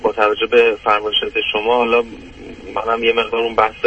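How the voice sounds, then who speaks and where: Man, hesitant, polite, flat low voice, dull distant recording. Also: a little hiss or hum. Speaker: audience member asking a question. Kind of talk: hesitant question from the audience.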